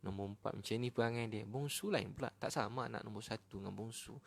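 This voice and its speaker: A Malaysian man giving a casual, animated sermon as a preacher, talking directly to his listeners. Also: lowish voice, quick pace, gravelly. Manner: animated, chatty, addresses listeners as brothers and sisters. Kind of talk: casual sermon to an online audience.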